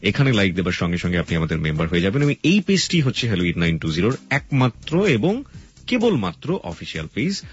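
A man's voice: on the low side, sing-song, quick pace, husky. A man with a Bangladeshi accent hosting a radio show, explaining things directly to listeners. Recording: dull lo-fi radio broadcast sound.

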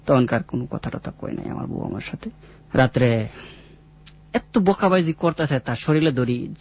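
A man's voice: medium pitch, gravelly, darkish tone, husky. A man in his twenties with a rural Mymensingh Bangladeshi accent, a radio guest telling his own story in plain, repetitive, informal dialect. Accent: rural Mymensingh-region Bangladeshi. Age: 20s.

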